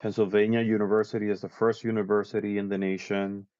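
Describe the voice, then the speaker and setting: A man's voice: fairly low pitch, little pitch movement, fast, darkish tone, no room sound, lo-fi sound. A man of about fifty from Puerto Rico, a guest in a casual chat, talking at length and listing facts one after another. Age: around 50. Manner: chatty, lists facts at length.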